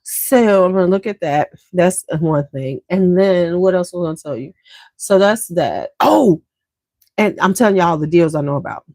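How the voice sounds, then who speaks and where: A woman's voice: on the low side, moderate pace, darkish tone, dry recording. A woman hosting a beauty livestream, chatting casually and slangily straight to her viewers.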